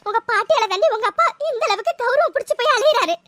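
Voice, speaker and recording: A woman's voice: very high-pitched, expressive, quick pace, a bit bright, slight background noise. A woman voicing a caring mother in a cartoon, who both scolds her husband and comforts her daughter. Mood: comforting. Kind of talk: cartoon voice acting.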